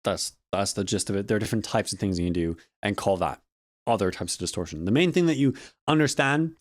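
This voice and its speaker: A young man talks through audio ideas in a loose, chatty recap, often circling back to correct himself. His voice sits on the low side and comes across dry and close on a compressed studio mic at home. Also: quick pace, dry recording. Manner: rambling, self-correcting, chatty. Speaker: audio student and vlog host. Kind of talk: casual spoken recap of a lecture. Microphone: close studio microphone with a compressor.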